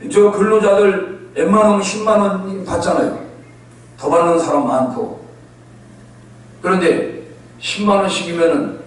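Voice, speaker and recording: A male pastor preaching a sermon, telling stories in a lively way and acting out the voices of the people in them. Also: a little high, slight background noise. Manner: animated storytelling, acting out quoted voices. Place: church sanctuary. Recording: echoey church hall from far off.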